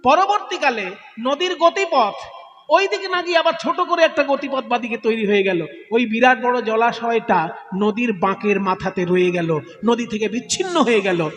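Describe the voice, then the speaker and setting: A man's voice: very high-pitched, normal speed, a bit bright, reverberant, in a large hall, soft background music. A man telling a devotional story in a kirtan performance, explaining words playfully and asking the listeners questions.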